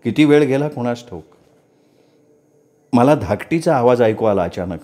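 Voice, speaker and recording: A man reading a story aloud in an expressive first-person narration. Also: mid-range voice, moderate pace.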